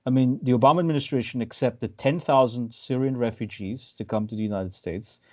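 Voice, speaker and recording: A man from Austria in his thirties hosting a podcast, discussing politics casually over a video call and pausing often with fillers and restarts. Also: mid-range voice, warm tone. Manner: hesitant, many fillers and restarts. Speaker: podcast host. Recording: dull lo-fi video call audio.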